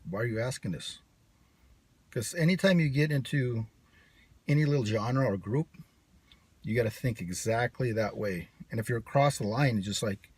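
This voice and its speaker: An American channel host delivers a brash, sarcastic, rambling vlog monologue straight to camera. His mid-range voice is slightly rough, with no room sound.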